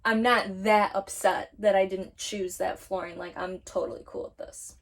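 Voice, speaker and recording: A woman's voice: medium pitch, rough recording. Chatty young woman touring her van. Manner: chatty, joking, upbeat. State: out of breath. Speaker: vlogger. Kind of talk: casual van tour. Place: inside a parked van.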